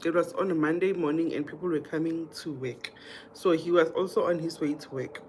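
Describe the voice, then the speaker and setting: On a rough recording with some hiss or hum, a South African woman speaks a little fast in a low, darkish, steady voice. She hosts a relaxed livestream from Mpumalanga, chatting to viewers, reading comments, sharing anecdotes and repeating her points.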